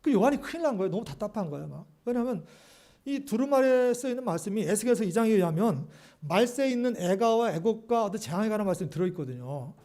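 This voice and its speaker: A man's voice: sits high, animated, fast talker, dark tone. A male pastor preaching a sermon, speaking animatedly to the congregation and often asking rhetorical questions.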